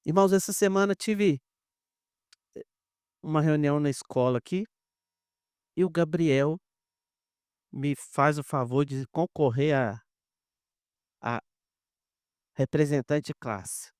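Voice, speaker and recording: Here the Brazilian pastor's voice sits a little high, clear and resonant, and he speaks slowly with frequent pauses. The studio-quality recording has no room sound. Delivering a conversational sermon, he tells stories animatedly, talks straight to the congregation, and plays out the quoted dialogue.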